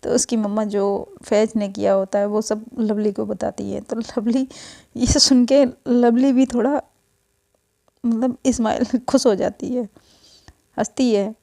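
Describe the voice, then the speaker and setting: A woman storyteller narrates in a plain, casual, unhurried way. Her voice is high with a gravelly edge and a dark, mellow tone. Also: steady tone.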